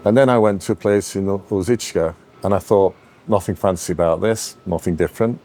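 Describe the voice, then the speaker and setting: Deep-voiced man telling stories. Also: brisk. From Yorkshire, England. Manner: animated anecdotal storyteller. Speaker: interviewee. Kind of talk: storytelling interview.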